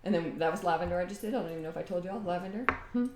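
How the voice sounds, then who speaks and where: A woman's voice: fairly low pitch, very fast, reverberant, background noise. A woman chatting casually at home, rambling and laughing as she demonstrates a homemade recipe. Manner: rambling and talkative, often laughing. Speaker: home DIY vlogger.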